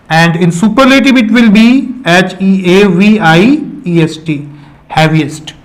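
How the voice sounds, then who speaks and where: A man teaching English grammar in a classroom-style lesson, mixing Hindi and English, spelling words out letter by letter and often checking in with "okay". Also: sits high. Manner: repeats phrases and says "okay" often.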